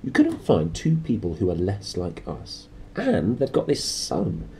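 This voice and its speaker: A man's voice: on the low side, huge pitch swings, measured pace, creaky, mellow, a little hiss or hum, exaggerated voice. A man voicing a stern, fretful female witch professor in a storybook reading. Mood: aghast. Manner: indignant, emphatic, fretful.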